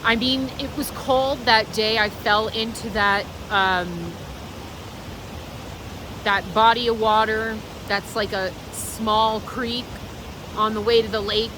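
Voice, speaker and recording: A woman's voice: a little high, takes it slowly. A woman vlogging off the cuff outdoors while in ice-cold water, stunned by the cold. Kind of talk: unscripted personal vlog. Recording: clear steady background noise.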